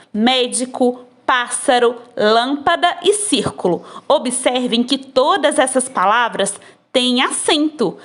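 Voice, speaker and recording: A woman teacher talks children through their exercises at an unhurried, careful pace. Her voice sits high and moves widely up and down as she stresses each point. It sounds like a phone recording. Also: fairly bright tone. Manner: slow, patient, drawn-out explaining to children. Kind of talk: recorded lesson explaining textbook exercises.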